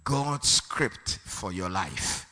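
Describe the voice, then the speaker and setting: A man preaches a sermon in a slow, deliberate way, lifting into a sung cadence at the high points. His voice is bright and ringing. It carries a long reverb from a large hall. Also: lively intonation.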